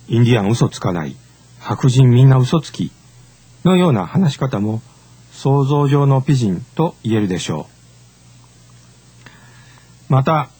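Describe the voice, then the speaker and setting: A man giving a scripted lecture in a measured, formal, explanatory way. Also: medium pitch, darkish tone, breathy edge.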